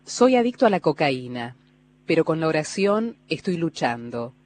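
A woman's voice: low voice, sing-song, normal speed, a little mellow, slight background noise. A woman hosting a radio talk show, courteous and formal as she reads listener messages and thanks her guest.

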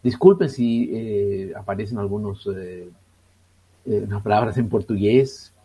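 A Chilean priest in his sixties speaks as a guest in a radio interview, talking slowly and hesitantly with many fillers in a Chilean Spanish accent. His voice is lowish and slightly rough, with a dark tone.

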